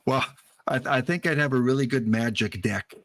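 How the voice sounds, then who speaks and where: A man's voice: medium pitch, moderate pace, a bit bright, no echo. A man with a Canadian accent, chatting casually as the host of a show about a baseball card game.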